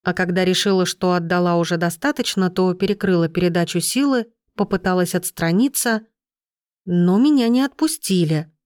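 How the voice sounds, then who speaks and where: A woman reading a first-person audiobook in a steady, measured storytelling voice. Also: fairly low pitch, no room sound, clean studio sound. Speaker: audiobook narrator.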